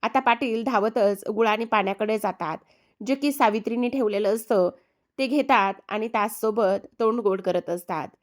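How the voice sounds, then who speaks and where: A woman narrating a recap of a TV serial episode in a steady storytelling manner. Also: mid-range voice, normal speed.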